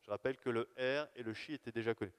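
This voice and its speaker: A man giving a live lecture on his research, talking in a lively, conversational way with fillers and asides to the audience. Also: mid-range voice, rapid-fire, clear, resonant tone. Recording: long hall reverb.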